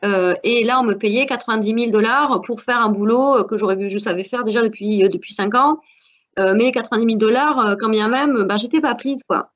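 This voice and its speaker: A woman's voice: a little high, brisk. French woman with dull lo-fi sound. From France. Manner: earnest, many hesitations. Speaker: alumna guest. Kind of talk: panel discussion. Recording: dull lo-fi audio.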